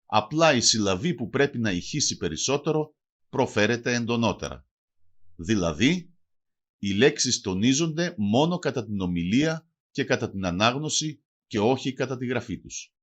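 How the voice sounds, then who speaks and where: A man giving a scripted language lesson. He speaks carefully and says each example word twice before translating it. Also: medium pitch. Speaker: language teacher.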